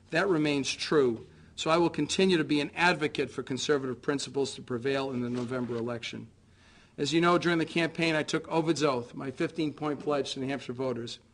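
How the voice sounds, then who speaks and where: An American man who is a political candidate delivers a prepared concession speech in a formal, measured, earnest way. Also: mid-range voice, a bit bright.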